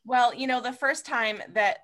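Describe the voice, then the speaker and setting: A woman guest on an interview podcast, telling lively stories, swearing freely and laughing often. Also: a little high, moderate pace. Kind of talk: casual interview chat.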